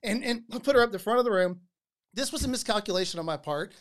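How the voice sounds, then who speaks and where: A podcast host tells stories quickly and with animated energy, often stumbling over repeated words as he starts a sentence. His middle-pitched voice swings through a wide range as each story builds.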